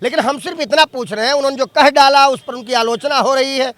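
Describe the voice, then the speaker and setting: A man's voice: very high voice, quick pace, a bit bright, no room sound. A man, anchoring a political debate and pressing the same question again and again.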